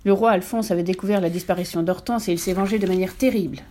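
A tired ghost knight recounts his story and grumbles in confidence, as a woman reading aloud puts him on. His voice is mellow and close to the reader's own. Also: fairly low pitch, fairly even intonation, quick pace, close to an everyday voice. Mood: weary. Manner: weary, confiding.

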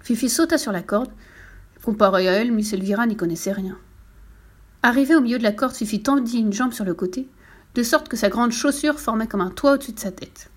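A woman narrating a children's storybook with a lively, expressive reading. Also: fairly high pitch.

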